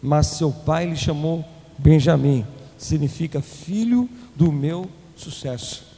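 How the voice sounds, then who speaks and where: A man with a Brazilian Portuguese accent preaching a sermon as an apostle, swinging between loud declaiming and quick low asides to the congregation. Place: church hall. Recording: long hall reverb, faint room noise.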